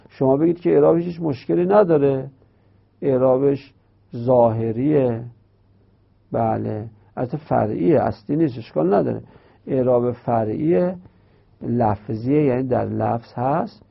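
A man teaching a grammar lesson in speech, explaining step by step and slowly repeating key terms. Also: medium pitch, creaky. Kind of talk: Arabic grammar lecture. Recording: dull lo-fi recording.

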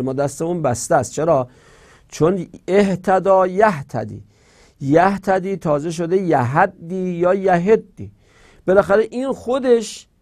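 A male teacher giving a grammar lecture, reciting verb forms in slow drills and posing rhetorical questions. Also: on the high side, darkish tone.

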